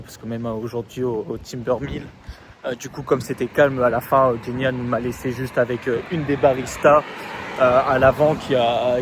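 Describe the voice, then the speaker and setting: Young french guy vlogging on his phone outside, rambly and slangy, cars and street noise in the back. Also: mid-range voice. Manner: rambling, lots of fillers and slang. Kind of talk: casual diary vlog.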